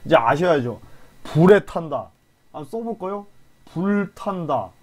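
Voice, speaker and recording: A man's voice: a little high, lively intonation, a little slow, a little mellow. A man teaching an online science lecture, coaxing and pleading with students and quizzing them with questions.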